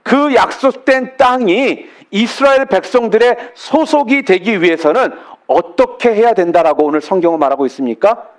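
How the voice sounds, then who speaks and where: High, lively preaching pastor. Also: male voice. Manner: preaches with rhetorical questions to the congregation; slows and stretches key words for emphasis. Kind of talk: sermon.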